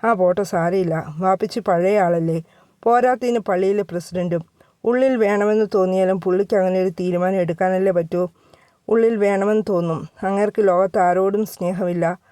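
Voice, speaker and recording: A woman's voice: mid-range voice, steady tone, moderate pace, warm tone, no room sound, studio quality, natural voice. A woman voicing an outspoken young married woman who speaks her mind, in a storybook reading. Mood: blunt. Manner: blunt, frank.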